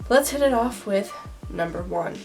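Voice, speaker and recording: A woman's voice: medium pitch, expressive, normal speed, a little mellow. Young woman, congested head cold, casual vlog host, sarcastic emphasis, background music. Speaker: video host. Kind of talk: casual scripted list vlog with acted skits.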